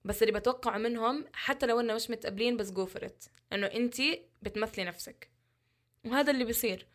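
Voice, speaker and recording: Speaking fast in a voice on the high side, a female social media content creator gives candid interview talk as a guest. She's passionate and emphatic, firing off rhetorical questions.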